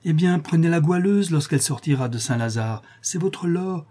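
A man's voice: on the high side, expressive, normal speed, mellow, pitched above the performer's own voice. A man reading aloud and voicing a greedy, scheming old woman who talks in coarse, wheedling slang.

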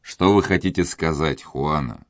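A man voicing a tender young nobleman in love, speaking in a hushed, trembling, earnest way. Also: very deep voice, unhurried, no echo.

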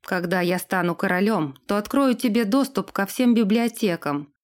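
A woman's voice: medium pitch, animated, normal speed, lightly acted. A woman doing a stern young lord. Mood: commanding. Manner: commanding, firm.

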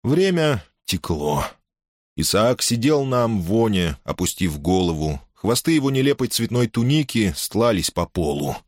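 A man narrating an audiobook with measured, expressive storytelling. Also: lowish voice, dry recording, studio quality. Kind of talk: scripted narration.

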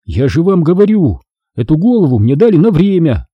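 A man voicing a cold, secretive ghost boy in an audiobook, with a husky, eerie manner. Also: very animated, brisk, no echo, dull audio. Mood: menacing. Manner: low cold menace, eerie. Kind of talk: audiobook character reading.

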